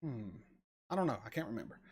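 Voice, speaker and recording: A man's voice: mid-range voice, expressive, a little mellow, breathy edge. Forties guy on a stream chatting with chat, rambly, trips over his words. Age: 40s. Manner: rambling, halting with repeated words. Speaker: reaction channel host reading chat. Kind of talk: casual live-stream chat.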